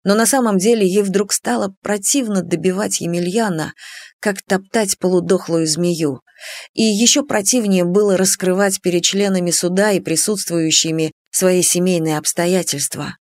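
A woman reading a novel aloud as an audiobook, in a measured, unhurried manner. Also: on the low side, darkish tone, dry recording. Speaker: audiobook narrator. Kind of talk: scripted narration.

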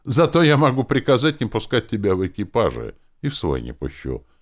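A man voicing a brash, foul-mouthed male elf druid who shouts and mocks. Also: low-pitched, big pitch swings, unhurried, pitched above the performer's own voice, exaggerated voice. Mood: rowdy. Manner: loud, swearing, mocking.

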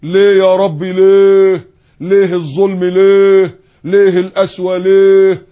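A man's voice: sits high, level tone, mellow, voice pushed up. A man preacher voicing a self-pitying man who wails at God over his loss, drawing out every complaint in an Egyptian accent. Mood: wailing. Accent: Egyptian Arabic. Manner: drawn-out, self-pitying lament.

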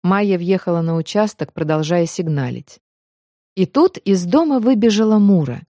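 A woman reads a first-person audiobook with feeling, her pitch rising and falling freely. Her tone is warm and mellow, and the close recording is dry with no room sound. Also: moderate pace, no room sound. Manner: emotional, expressive. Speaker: audiobook narrator.

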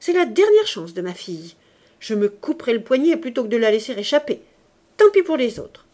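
A woman reading the part of a fierce, ambitious bourgeois mother who speaks in sharp, forceful outbursts. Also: fairly high pitch, animated, unhurried, pitched above the performer's own voice. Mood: furious.

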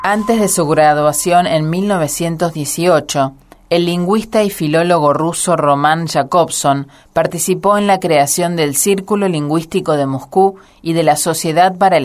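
A woman narrates a scripted informational segment in a steady, even reading voice. Her pitch is very low for a woman. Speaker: voice-over narrator.

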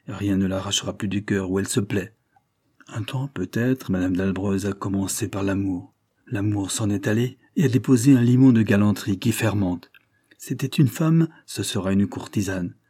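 A cynical older gentleman with a gray mustache speaks coolly and cuttingly, as a man voices him in an audiobook. The voice is low, dark and a little husky. He sounds worldly-wise. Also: moderate pace, no echo, clean studio sound. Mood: scornful. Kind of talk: audiobook character reading.

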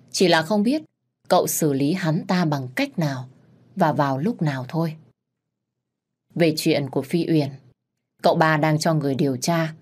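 A woman reads a story aloud in a steady, solemn tone. Her voice is low and husky, with a breathy edge. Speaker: story narrator. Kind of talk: scripted narration.

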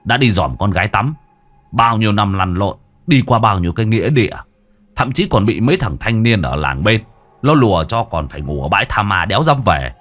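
A man's voice: fairly low pitch, sing-song, a little fast, a bit bright. A man voicing a coarse, swearing middle-aged rich landowner who bullies his workers. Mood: boastful. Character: gruff crude middle-aged male rich landowner, bossy.

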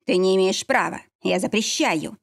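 A woman's voice: mid-range voice, normal speed, creaky. A woman reading the lines of a stern old male werewolf pack leader in an audiobook, formal and commanding.

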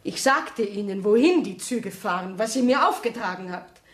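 Woman doing a shaken young courier in a radio play, quiet flat telling, mid voice. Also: medium pitch, moderate pace, close to an everyday voice. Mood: pleading. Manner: hushed, flat reporting that breaks into pleading. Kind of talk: 1960s-style radio drama acting.

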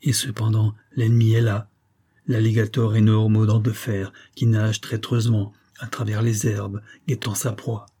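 Man reading an old doom-saying sorcerer, husky and mellow, solemn. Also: lowish voice, level tone, normal speed. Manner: solemn, prophetic warnings.

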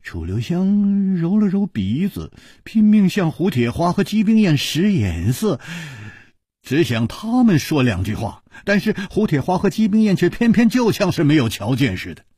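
A man's voice: moderate pace, breathy edge, dry recording, clean studio sound. A man telling a martial-arts story in a vivid traditional storytelling style. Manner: vivid, highly animated.

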